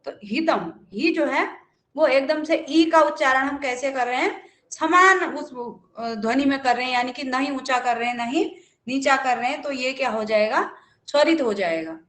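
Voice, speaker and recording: A woman's voice: high voice, moderate pace, echoey room. A woman teaching a live online lesson, explaining patiently with many fillers and rhetorical questions. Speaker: Sanskrit teacher.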